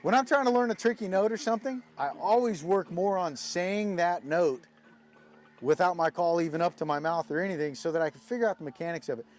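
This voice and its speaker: A man with a notably high voice works through a practical demonstration as a calling instructor. He explains in a casual, folksy way, step by step. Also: brisk, soft background music.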